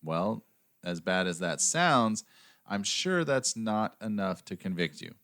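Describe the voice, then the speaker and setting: American guy hosting a crime podcast, lowish voice, dry sarcastic delivery. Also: big pitch swings, slow pace, a bit bright. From United States. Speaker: podcast host. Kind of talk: scripted true-crime narration with banter.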